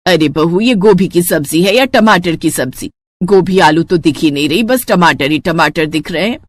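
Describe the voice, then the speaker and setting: एक महिला, कहानी में शिकायत करती, डाँटती बुज़ुर्ग सास की आवाज़ करती हुई।. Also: female voice, lowish voice, lively intonation, normal speed, voice pushed down. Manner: complaining, dramatic. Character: scolding elderly mother-in-law.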